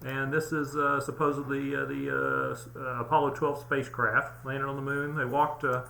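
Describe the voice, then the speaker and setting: Bright-voiced man, halting mock-earnest host. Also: medium pitch, flat delivery, creaky, echoey room. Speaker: channel host. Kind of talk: tongue-in-cheek conspiracy presentation.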